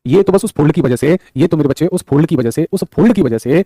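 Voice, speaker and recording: A man's voice: fairly high pitch, expressive, quick pace, dark tone, no echo. A male teacher running a live online exam-prep class on a studio mic, repeating points and calling his students son and brother. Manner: repetitive and affectionate, calls students son and brother; reads viewers' chat aloud. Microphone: studio microphone.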